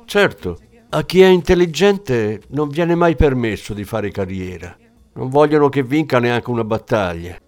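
A man's voice: medium pitch, expressive, measured pace, darkish tone, soft background music, natural voice. A man voicing a hard-boiled, contemptuous police inspector in an audiobook, speaking in a scornful, cutting way.

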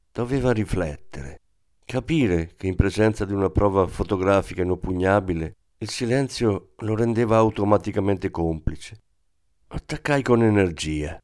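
A man reading a crime novel aloud in measured, even narration. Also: sits low. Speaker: audiobook narrator. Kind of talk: scripted narration.

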